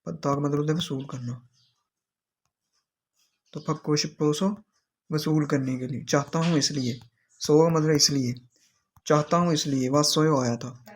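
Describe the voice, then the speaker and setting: A man teaching Korean vocabulary, explaining each word slowly and repeating it. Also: fairly high pitch, steady tone, darkish tone, slight background noise.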